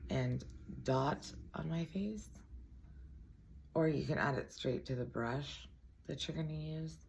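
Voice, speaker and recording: A woman with a raspy voice giving a casual makeup tutorial, chatty and full of self-deprecating asides. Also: very deep voice, darkish tone, slight background noise.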